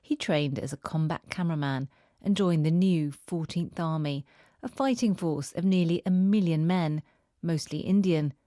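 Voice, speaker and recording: A woman's voice: low voice, moderate pace, warm tone, no echo, studio quality. A woman reporter reading scripted narration for a news feature. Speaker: radio reporter.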